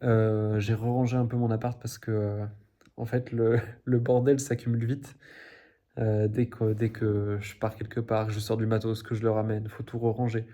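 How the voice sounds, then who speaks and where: On the low side with a dark tone, a young vlogger speaks at normal speed with flat delivery. He's recording a daily video diary, rambling casually through fillers and restarts and chuckling at his own mistakes.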